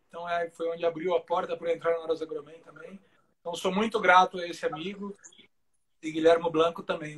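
A man's voice: a little high, a bit bright. A man, a show jumping rider, telling stories in a casual live interview, chatty and full of fillers like "cara". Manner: chatty, fills talk with "cara" and "né".

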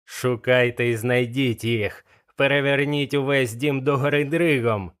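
A man voicing a furious blind old male pirate who shouts curses at his gang in a slow, emphatic way. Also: mid-range voice, fairly even intonation, clear, resonant tone, lightly acted.

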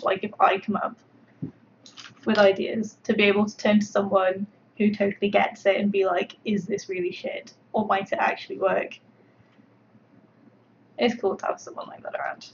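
A woman with a medium-pitched, fairly flat voice talks briskly on a livestream. She's a sculptor chatting casually while she paints, rambling with lots of fillers. The stream audio is dull and lo-fi, with faint noise in the background.

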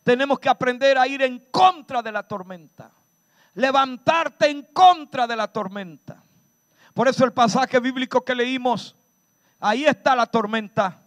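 A man, a pastor, preaching a sermon with shouted peaks and dramatic slowdowns. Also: extremely high pitch, dry recording. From Dominican Republic.

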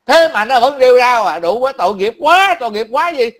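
A man with a high, sharp-pitched voice. He rants with angry, profane heat and circles back to the same phrases again and again. Under the fury there is a worn-out, grumbling weariness. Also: very animated, fairly quick, a crowd in the background. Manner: angry, profane, repetitive ranting. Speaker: livestream commentator. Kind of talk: heated political rant.

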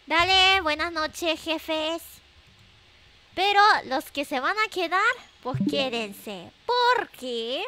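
A woman's voice: animated, slow pace, pushed and bright, a little hiss or hum. A woman livestreamer with an anime-like voice, chatting casually and playfully with viewers, often exclaiming and repeating herself. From Japan. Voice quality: very high anime-like voice.

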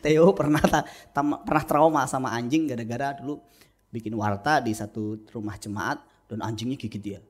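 A middle-aged man, a pastor, preaching a humorous sermon in a church, telling stories with lively acted-out quotes. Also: medium pitch, moderate pace. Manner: animated storytelling with acted-out quotes. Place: church sanctuary.

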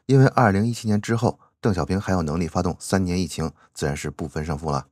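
A man's voice: low voice, fast talker, darkish tone, dry recording, clean studio sound. A man giving chatty commentary as he reads out a classic novel, drawing out his sentence-final particles. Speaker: channel host.

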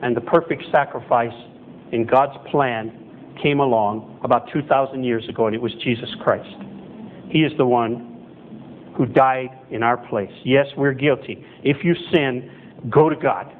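A man's voice: mid-range voice, a little slow. A middle-aged man preaching a conversational sermon as pastor in a chapel, correcting himself as he goes. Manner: conversational, self-correcting, acts out quoted voices. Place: church chapel hall with projector screen, indoors. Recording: tinny phone-like sound with faint noise.

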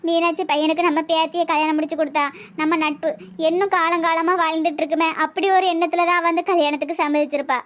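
Cartoon கதாபாத்திரம்: பெண் நடிக்கும் பெருமையும் வேதனையும் கொண்ட மூதாட்டி, நெல்லை வழக்கு, மிக உயர்ந்த குரலில் அழுகை கலந்த பேச்சு. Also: female voice, very high-pitched, little pitch movement, quick pace, dull audio. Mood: hurt, tearful. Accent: Tirunelveli Tamil. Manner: sobbing, pleading. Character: tearful elderly rich woman, proud and hurt. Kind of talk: cartoon voice acting.

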